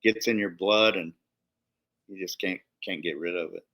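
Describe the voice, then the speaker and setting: A man's voice: low voice, normal speed, a bit bright. Easygoing middle-aged man from Arizona. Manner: easygoing, agreeable. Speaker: guest outfitter. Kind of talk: casual chat.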